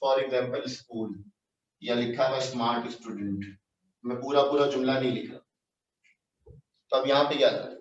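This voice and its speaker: A man's voice: mid-range voice, normal speed, pauses often, slight background noise. A man from Pakistan giving an English grammar lesson in a classroom, peppering it with questions to his students. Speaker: English teacher. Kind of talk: classroom lecture, mixing English phrases into Urdu. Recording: dull, roomy, distant online class audio.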